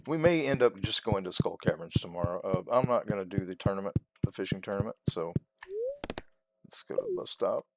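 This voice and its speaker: A low-sitting, expressive voice moves at a fairly quick pace over slight background noise as a gaming host gives casual let's-play commentary. He describes his own steps aloud in short, trailing phrases.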